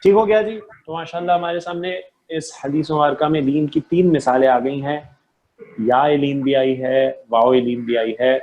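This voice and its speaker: A man's voice: fairly high pitch, steady tone, normal speed, dull audio. A man teaching an online class, patient, repeating key terms and checking often that his students understand.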